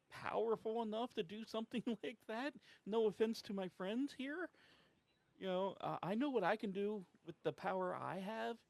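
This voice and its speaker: Man role-playing ancient druid, tabletop game, halting, musing, rambling, thinks aloud. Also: sits high, creaky, no echo. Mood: cautious musing. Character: ancient druid who sleeps for centuries, hesitant, musing. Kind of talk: improvised in-character tabletop role-play.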